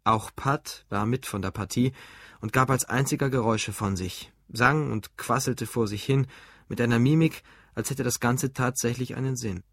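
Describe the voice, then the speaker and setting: Husky male audiobook narrator. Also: medium pitch, normal speed, a bit bright, dry recording, clean studio sound. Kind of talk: scripted narration.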